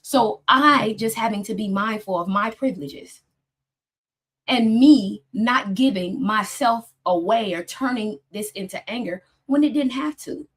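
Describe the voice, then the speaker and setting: A woman therapist talks straight to her viewers in a casual advice chat, with a lilt. Her voice sits a little on the higher side, and she turns emphatic and lively when she presses a lesson, addressing everyone as "y'all.". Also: unhurried. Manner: emphatic, addresses listeners as "y'all", rises sharply when stressing points. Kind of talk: casual motivational talk.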